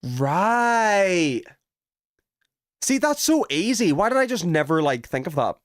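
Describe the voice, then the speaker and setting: A man live streams a video game, chatting casually and thinking aloud as he works out puzzles in an informal way. His voice sits high and sing-song, and he takes it slowly. The recording is dry, with clean studio sound.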